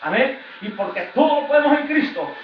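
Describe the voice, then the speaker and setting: A man's voice: extremely high pitch, big pitch swings, brisk. Man, evangelist preacher, fervent repetitive sermon, dull lo-fi, faint noise. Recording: echoey, distant, dull lo-fi church recording.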